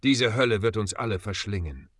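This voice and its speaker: A man's voice: fairly low pitch, lively intonation, brisk, no room sound. A man voicing Bob, a nervous, jittery note-taker. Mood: fearful. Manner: hushed, trembling. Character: nervous note-taking man, easily scared.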